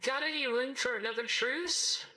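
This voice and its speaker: A man's voice: very high-pitched, normal speed, sharp tone, voice pushed up, exaggerated voice. A man voicing a shy, polite girl game character through a voice changer, hesitant in delivery. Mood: shy, hopeful. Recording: roomy, echoing sound.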